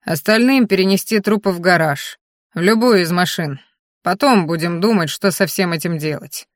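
A woman's voice: on the low side, normal speed, no echo, clean studio sound, close to an everyday voice. A woman reading a stern suspicious gang boss. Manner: curt, demanding, contemptuous. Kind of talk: audiobook character voice.

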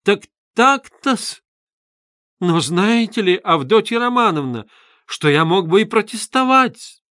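A man's voice: a little high, lively intonation, a little slow, fairly bright tone, no echo, studio quality. A man playing a haughty, spiteful middle-aged suitor who speaks sarcastically and ceremoniously in an audiobook. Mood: enraged.

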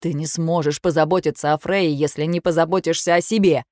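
A woman voicing a worried young husband who speaks softly, low and insistently. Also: steady tone, quick pace, dry recording, clean studio sound, lightly acted. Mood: firm. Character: worried young husband, gentle but firm.

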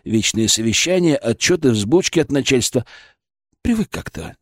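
A man voicing a gruff, blunt, middle-aged male surgery chief who teases and bosses his colleague. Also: medium pitch, animated, normal speed, no room sound, studio quality, natural voice. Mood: gruff teasing. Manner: teasing, blunt, bossy.

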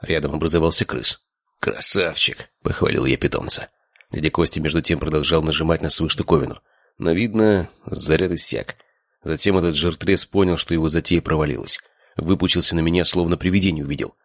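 A man narrating a first-person audiobook in an even, steady reading voice. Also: rumbling low, fairly quick, no room sound, clean studio sound.

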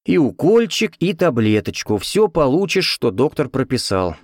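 A man voicing a stern, brisk female nurse who gives curt orders. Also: medium pitch, big pitch swings, no echo, clean studio sound, pitched above the performer's own voice. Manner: curt, commanding.

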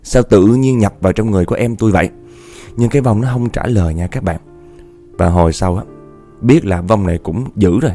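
A man telling a ghost story, animated, repeating words for effect and speaking straight to his listeners. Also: on the low side. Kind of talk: spoken ghost story narration.

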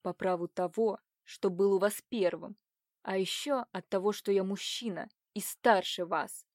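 A brooding young man with a cold, possessive edge, as a woman reading the story puts him on. He speaks slowly and heavily, each word pressed low. The recording is close and dry, with no room around the voice. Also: animated, no room sound, natural voice. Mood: cold, stern.

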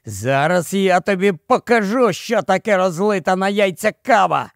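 A man's voice: high-pitched, animated, normal speed, creaky, no room sound, pitched above the performer's own voice. A man reading aloud plays a crude, heavyset taxi-driver thug, coarse and menacing. The voice is raised above the narration and recorded dry. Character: crude fat male taxi driver, brutal.

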